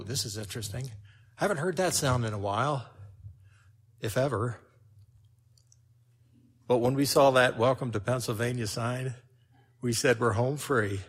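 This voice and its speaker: An older man preaching a sermon, telling a personal story with lively swings in loudness. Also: mid-range voice.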